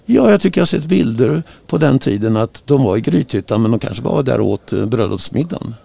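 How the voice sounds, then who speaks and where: A man co-hosting a casual radio chat show, speaking in a husky, gravelly voice and telling music trivia as a relaxed storyteller. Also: mid-range voice. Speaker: radio co-host.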